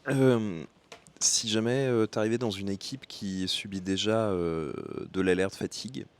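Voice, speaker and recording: French guy in the audience, very low voice, hesitant question. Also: fairly even intonation, measured pace. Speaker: audience member asking a question.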